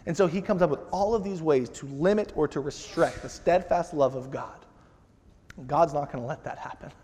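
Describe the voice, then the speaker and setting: A man's voice: a little high, normal speed, mellow, slightly rough. A man preaching a sermon to his congregation, talking in an easy, conversational way and acting out the lines he quotes. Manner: conversational, acts out quotes with rising intensity. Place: church sanctuary. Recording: reverberant church hall.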